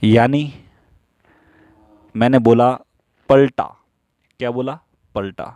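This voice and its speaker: A man teaching stenography in a slow classroom style, who asks questions and answers them himself while repeating the rules. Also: mid-range voice, a little mellow, no echo.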